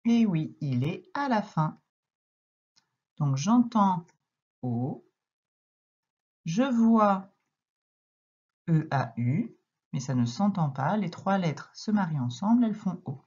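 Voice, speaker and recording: A woman's voice: lowish voice, big pitch swings, takes it slowly, long pauses, a little mellow, husky, lo-fi sound. A woman teaching a reading lesson to young children, speaking patiently and sounding out letters and syllables one by one. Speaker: primary school teacher.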